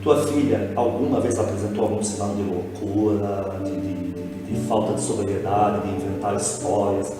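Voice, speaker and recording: A man interviews a father for a testimony and presses him with insistent, probing questions. His fairly low voice is picked up from far off in a long, echoing hall, with music playing clearly underneath. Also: steady tone, moderate pace, hardly any pauses. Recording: echoey hall, distant mic, music behind.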